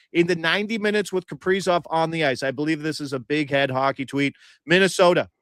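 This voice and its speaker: A man's voice: on the high side, a bit bright, smooth, no room sound, studio quality. A young man hosting a sports betting chat, feisty and argumentative, firing off stats.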